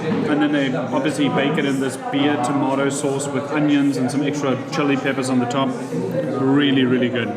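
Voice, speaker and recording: A man's voice: mid-range voice, flat delivery, moderate pace, a loud crowd. A man co-hosting a travel vlog, talking casually and enthusiastically to camera.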